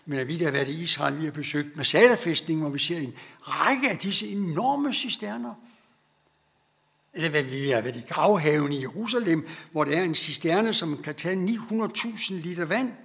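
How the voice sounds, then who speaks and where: A man's voice: on the high side, animated, gravelly, fairly bright tone. A middle-aged man preaching an earnest sermon, stretching out key phrases for emphasis.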